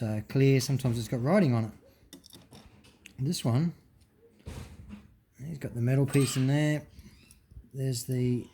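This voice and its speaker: In a casual show-and-tell teardown, a hobbyist presenter with a mellow, medium-pitched voice explains the hands-on work unscripted, often pausing with ums and restarting sentences.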